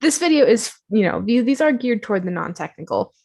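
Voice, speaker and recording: A woman casually walking viewers through a software tutorial on her screen, chatty and self-deprecating, with many fillers. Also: fairly high pitch, sing-song, brisk, creaky.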